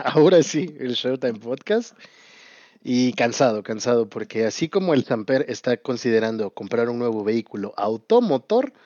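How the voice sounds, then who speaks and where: A man's voice: mid-range voice, a little mellow, no echo. A man with a Mexican Spanish accent, co-hosting a podcast with wry, self-mocking humor. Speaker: podcast co-host. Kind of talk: casual banter. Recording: dull dry sound.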